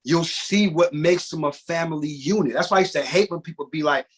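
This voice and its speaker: A man in casual podcast chat, telling animated stories and breaking into sung bits and dramatic readings. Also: on the high side, fairly quick, husky. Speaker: podcast guest.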